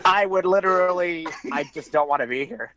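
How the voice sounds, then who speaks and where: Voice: mid-range voice, a little fast, over a noisy crowd, natural voice. A voice actor playing a weary, ranting bird sports commentator in an improvised cartoon fandub. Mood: weary despair. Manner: exasperated, pleading, swearing.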